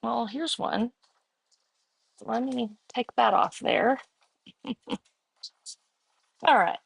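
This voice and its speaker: A woman's voice: fairly high pitch, drawn-out words, vocal fry, slightly rough, no room sound. A woman with a Texas accent hosting a casual card-making demo, chatting and thinking aloud as she works. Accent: Texan. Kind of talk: casual live crafting demo.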